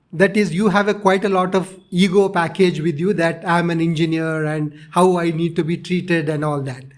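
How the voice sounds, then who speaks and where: A man in his sixties with a South Indian accent, recounting his experience in an interview in a measured, explanatory way. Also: high-pitched. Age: 60s. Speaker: interviewee, retired navy officer.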